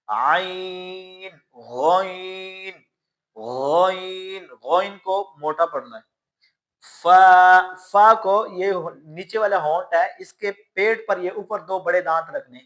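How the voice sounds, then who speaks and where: A man teaching Quran pronunciation, stretching out each letter sound and then calmly explaining how to make it. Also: high-pitched. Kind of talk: slow letter-by-letter pronunciation lesson.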